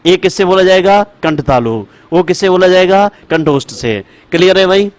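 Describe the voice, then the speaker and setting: A man teaching Sanskrit to students, repeating rules slowly for dictation and calling his students brother and child. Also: high-pitched, lively intonation. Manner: repetitive, chanting rules for dictation. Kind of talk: classroom lecture.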